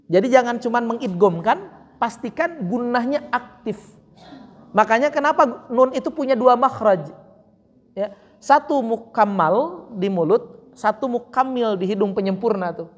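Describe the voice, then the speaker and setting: A woman teaching Quran recitation, patiently correcting a student and slowly demonstrating sounds. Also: fairly high pitch, animated, long reverb tail. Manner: drawn-out chanted example words. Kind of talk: online recitation correction lesson.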